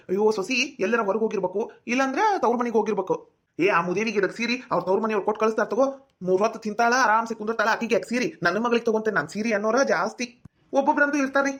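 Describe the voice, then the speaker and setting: A woman playing a chatty village saree seller in a comedy skit, with a North Karnataka accent and a persuasive, flattering sales patter. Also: a little high, close to an everyday voice. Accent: North Karnataka Kannada.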